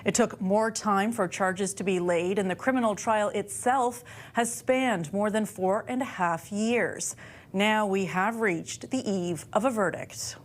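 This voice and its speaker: A woman, a television reporter narrating a news story in a measured, formal way. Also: medium pitch, slight background noise.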